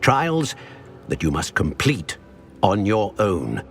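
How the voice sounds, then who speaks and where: An ancient wizard as a wise mentor in a video game. The voice is low and moves widely in pitch, with grave, formal phrasing. Faint music plays underneath. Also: male voice, big pitch swings, slow pace, exaggerated voice. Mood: solemn, wise. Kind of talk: scripted game dialogue.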